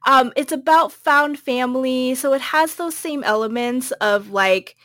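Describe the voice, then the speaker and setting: Recommending a book on her podcast, this co-host speaks at a measured pace in a high-sitting, fairly bright voice. She laughs often and fills her casual talk with ums and likes, and the studio sound is clean, with no room sound.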